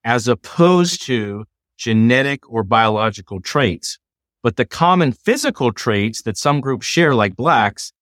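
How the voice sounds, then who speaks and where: A middle-aged man, a law professor, explaining ideas in a measured, lecturing way during a conversation. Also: mid-range voice, fairly bright tone, no echo, clean studio sound.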